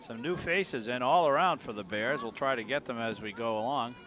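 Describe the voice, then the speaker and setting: A man doing play-by-play commentary for a high school soccer game from a booth, in a deliberately even, monotone delivery. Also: noisy background. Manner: self-described monotone delivery. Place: press booth at an outdoor school field.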